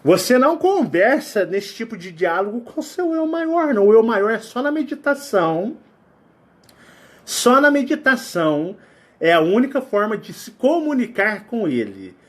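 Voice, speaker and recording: Animated high-voiced Brazilian man. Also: unhurried. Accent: Brazilian Portuguese. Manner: animated, acts out sounds and quotes. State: sweating. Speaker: spiritual channel host. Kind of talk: casual spiritual talk.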